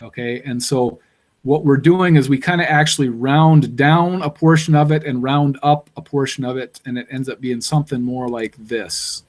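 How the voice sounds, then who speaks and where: A man's voice: medium pitch, normal speed. A man giving a university engineering lecture, explaining step by step and thinking aloud with fillers.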